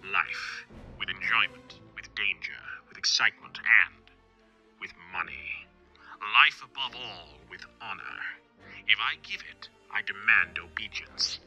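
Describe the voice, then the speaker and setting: A man's voice: animated, pushed and bright, faint music behind, full character voice. A man putting on a whispering, commanding shadowy vigilante. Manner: slow, low, whispering and grave. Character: mysterious commanding male vigilante in darkness.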